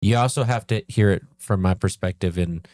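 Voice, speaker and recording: Deep-voiced man speaking slowly. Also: a little mellow, no room sound, clean studio sound. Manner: slow, deliberate, restarts his points. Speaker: co-host. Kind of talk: casual chat about games.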